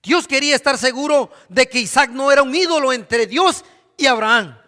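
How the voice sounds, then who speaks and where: A man's voice: very high-pitched, moderate pace, sharp tone. A man preaching a sermon as pastor, asking his congregation questions. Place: church. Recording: reverberant church hall.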